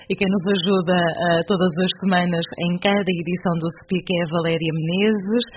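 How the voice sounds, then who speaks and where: A woman hosting a morning radio show, briskly announcing and introducing guests. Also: fairly low pitch, steady tone, heavy background noise. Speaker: radio host. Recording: lo-fi radio broadcast with music bed.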